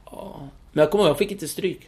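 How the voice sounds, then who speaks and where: A middle-aged man with a raised, gravelly voice tells a story as a podcast guest. He talks in an animated way, acts out other people's voices and laughs often. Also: a little high.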